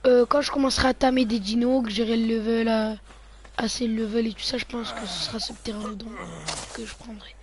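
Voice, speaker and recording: With crowd noise in the background, this man narrates his gameplay for viewers in let's-play style, a little fast, often trailing into half-muttered asides to himself. The voice is very high and steady in tone, recorded noisily at home.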